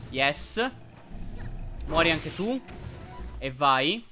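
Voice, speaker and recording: A man hosting a let's play, commenting on gameplay and yelping excitedly at enemies. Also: on the high side, drawn-out words, faint music behind. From Italy. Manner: excitable, yelps and shouts at enemies.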